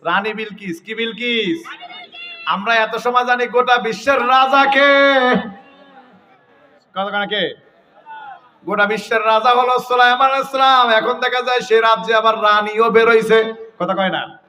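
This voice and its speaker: High bright-voiced preacher shouting. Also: male voice, moderate pace, pauses often, slight background noise. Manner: loud, emphatic, calls for crowd responses, chants Quranic verses. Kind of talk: Islamic sermon at a mahfil. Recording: voice from far off the mic.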